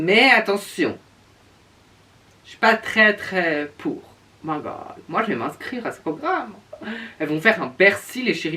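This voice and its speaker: A reviewer with a medium-pitched, pushed and bright voice offers casual reactions to show looks. The manner is sassy and campy like a drag queen, with stretched-out words for emphasis, and the mic is distant.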